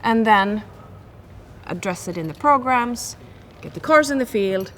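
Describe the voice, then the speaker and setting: A woman guiding visitors through a crash lab, explaining procedures in a friendly, clear, instructive way. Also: a little high, animated, unhurried, a little hiss or hum.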